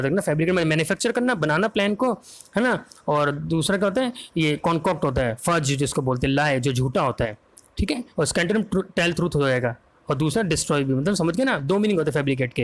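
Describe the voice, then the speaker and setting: Man, online tutor, spells words aloud, coaxing, slightly high pitch. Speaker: exam vocabulary teacher. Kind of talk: online exam prep lesson.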